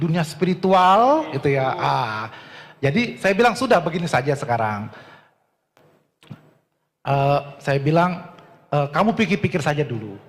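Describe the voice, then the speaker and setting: A male preacher telling a story in a sermon, lively, acting out the dialogue as he goes. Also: high voice. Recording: long reverb of a hall.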